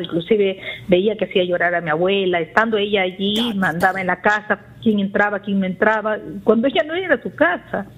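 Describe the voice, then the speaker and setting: A woman's voice: mid-range voice, husky, narrow, tinny audio. A woman in her forties, calling a radio show and rambling emotionally as she confides in a therapist. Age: 40s. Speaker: radio caller. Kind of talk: call-in confession to a therapist.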